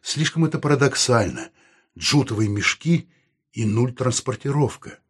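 A man reading an audiobook voices a gruff, irritable pipe-smoking man who talks slowly and weightily, with a husky voice. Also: medium pitch, animated. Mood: puzzled.

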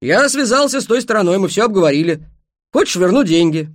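An evasive stationmaster brushing things off, as a man voices him in a raised voice. He sounds loud and offhand. The recording is dry and close. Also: sits high, expressive, fast talker, no room sound, voice pushed up.

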